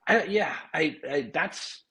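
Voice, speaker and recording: As an interview guest, a festival founder speaks casually and energetically in a fairly high, pushed, bright voice with lively intonation at a slow pace. He swears now and then and keeps restarting his sentences.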